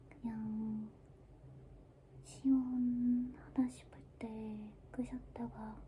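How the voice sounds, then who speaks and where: A young woman whispering a casual ASMR chat close to the microphone in a breathy, gentle, musing manner. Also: on the high side, narrow, tinny audio, slight background noise. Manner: unhurried, drifting, gentle musing. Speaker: ASMR creator. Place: small room indoors, lying down. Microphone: handheld microphone held close to the mouth.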